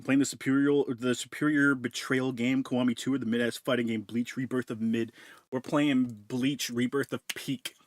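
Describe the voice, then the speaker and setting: A man's voice: medium pitch, little pitch movement, normal speed, dry recording, clean studio sound. A man streaming from home, chatting casually and crudely with his chat while eating and chewing into a desk mic. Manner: crude, joking, talks while chewing food. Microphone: desk mic with noise removal.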